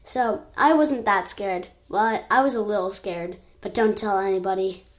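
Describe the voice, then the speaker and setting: A woman's voice: mid-range voice, normal speed, close to an everyday voice. A woman voicing a chatty eight-year-old child who keeps correcting itself while telling an adventure. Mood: rambling. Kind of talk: storybook narration.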